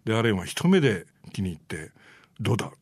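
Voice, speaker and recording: A man's voice: fairly low pitch, fast talker, dry recording. A male host telling film history stories in a chatty way, full of fillers and small acted-out quotes. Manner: animated, briefly acts out quoted people. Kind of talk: casual storytelling about film history.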